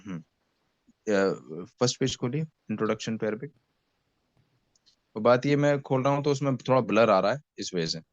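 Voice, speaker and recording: A man teaching beginners Arabic in an online class, speaking with an Indian accent and patiently having students repeat words after him while fasting with a headache. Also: medium pitch, expressive, dry recording. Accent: Indian Hindi-Urdu. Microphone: video call. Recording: dull lo-fi video call audio.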